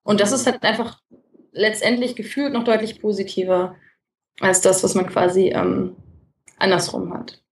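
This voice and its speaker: A woman's voice: mid-range voice, little pitch movement, normal speed, slight background noise. A woman co-hosting a podcast in casual conversation, rambling and correcting herself. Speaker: podcast co-host. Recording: roomy, distant from mic.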